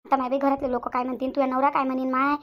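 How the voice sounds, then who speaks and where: A woman plays a pleading sister-in-law in a cartoon who coaxes gently. Her voice is high and quick, on a slightly lo-fi recording. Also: little pitch movement. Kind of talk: cartoon voice acting.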